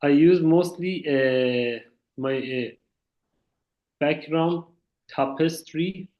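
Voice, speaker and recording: This man, a visiting artist from Iran and a native Farsi speaker, pauses and searches for words in a second language, his voice sitting on the high side. He's giving an informal talk on a video call, and the audio is muffled.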